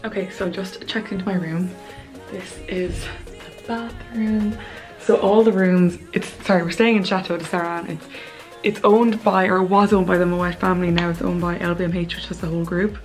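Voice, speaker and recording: A woman's voice: fairly low pitch, steady tone, moderate pace, soft background music, rough recording. A woman narrating a travel vlog in a chatty, gushing way, full of "like" fillers. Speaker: travel vlogger. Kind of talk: casual vlog narration to camera.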